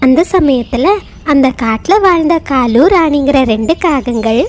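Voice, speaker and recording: A woman narrating a children's cartoon story in a steady storytelling manner. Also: high-pitched, normal speed, a little hiss or hum.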